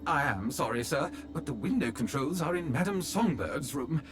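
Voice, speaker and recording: A man's voice: on the high side, animated, normal speed, natural voice. A man voicing an obsequious male butler robot in a video game. He speaks formally and calls his master sir. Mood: polite. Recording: game audio with music underneath.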